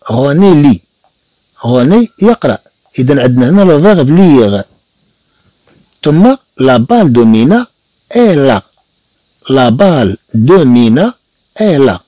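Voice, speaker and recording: Lively Moroccan teacher, slow repeats. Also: male voice, medium pitch, no room sound. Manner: repeats each phrase slowly and explains it in Moroccan Arabic. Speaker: French teacher. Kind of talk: slow classroom explanation with repetition.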